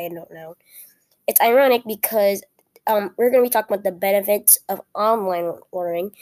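A young woman, sick and weak-voiced, talking casually and haltingly as she hosts a solo student podcast from home. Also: medium pitch, a little mellow. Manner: halting, self-correcting, apologetic.

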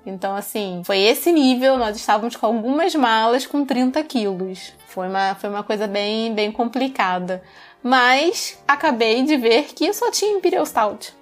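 A woman with a heavy Carioca accent chats casually and eagerly on a podcast. Her voice sits a bit high. Soft music plays faintly behind her. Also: animated, normal speed. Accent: Carioca Brazilian Portuguese. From Rio de Janeiro, Brazil. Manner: chatty and enthusiastic. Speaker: podcast co-host.

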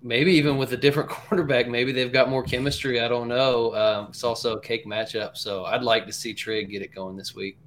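Mid-pitched man talking football, some background noise. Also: steady tone, brisk, hardly any pauses, a bit bright. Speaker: sports podcast panelist. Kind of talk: casual football analysis.

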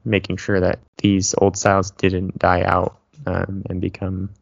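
A man co-hosting a podcast in casual chat, with a relaxed, dryly joking manner. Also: low-pitched, measured pace, creaky, dry recording, muffled recording. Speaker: podcast co-host.

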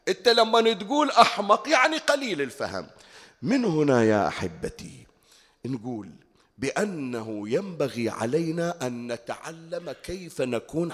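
A man with a Bahraini accent preaching a colloquial sermon at a mourning gathering, often putting rhetorical questions to his listeners. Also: on the high side. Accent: Bahraini Arabic. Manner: asks the audience rhetorical questions. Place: mourning hall. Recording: long hall reverb.

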